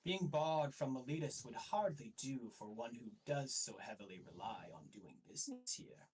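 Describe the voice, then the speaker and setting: [name], a man voicing a smug high inquisitor. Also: lively intonation, moderate pace, close to an everyday voice. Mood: smug menace. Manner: smirking, silky authority. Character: smug scheming male high inquisitor, cold and commanding. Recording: voice a bit far from the mic.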